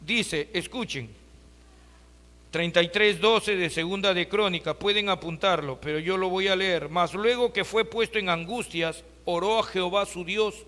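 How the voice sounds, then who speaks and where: A Peruvian pastor delivers a sermon at a moderate pace in a high, bright voice, calling his congregation brothers and throwing rhetorical questions at them. The reverberant hall gives his words a long echo tail.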